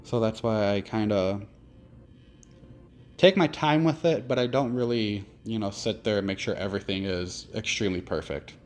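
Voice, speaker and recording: A man's voice: fairly low pitch, normal speed, faint music behind. A man with a lisp and slushy s sounds, giving a casual, conversational step-by-step makeup tutorial as a drag performer.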